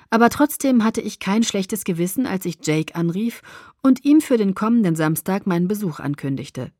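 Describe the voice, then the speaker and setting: A woman narrating a novel in the first person with expressive storytelling. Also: lowish voice, no echo, clean studio sound. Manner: expressive storytelling, lively intonation. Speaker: audiobook narrator.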